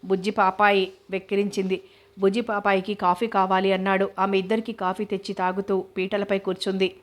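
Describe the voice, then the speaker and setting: Woman reading a novel out loud, super even tone, barely moves in pitch, steady pace. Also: brisk. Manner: even, steady reading, voicing all characters lightly. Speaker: novel reader. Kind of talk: audiobook novel narration.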